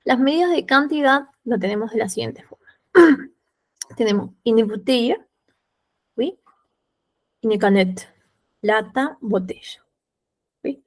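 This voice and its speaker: A woman's voice: fairly high pitch, expressive. Woman teacher, patient French lesson. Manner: slow and patient, repeating each French word and then its Spanish meaning. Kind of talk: online class, explaining vocabulary.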